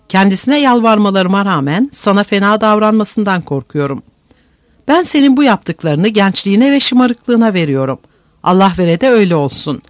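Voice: mid-range voice, no room sound, close to an everyday voice. A narrator reading a stern, proper mother's reproachful letter in a formal manner, in an audiobook.

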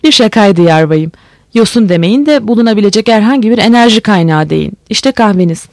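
A reader voicing a male ship owner who speaks calmly with dry irony. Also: mid-range voice, brisk, no echo, natural voice. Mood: cool.

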